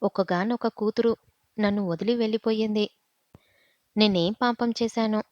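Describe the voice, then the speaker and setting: A woman's voice: medium pitch, fairly even intonation, normal speed, darkish tone, dry recording, lightly acted. A woman voicing a grief-stricken old father lamenting his lost daughter, in a dull, dry recording. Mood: grieving. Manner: wailing lament.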